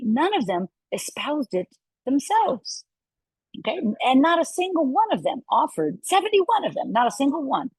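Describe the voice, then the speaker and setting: A middle-aged woman giving a university lecture in a lively way, often checking in with her listeners. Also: a little high, gravelly, breathy edge, dry recording, rough recording. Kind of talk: lecture to a live audience.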